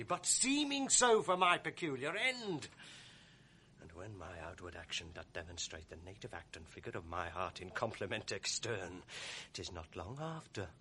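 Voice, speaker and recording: An actor playing the scheming ensign Iago in a radio drama, with a sneering, taunting manner. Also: male voice, lowish voice, a little hiss or hum. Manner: sneering, taunting, bursts into shouts. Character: scheming, sly male ensign Iago, mocking. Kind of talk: 1980s radio drama acting.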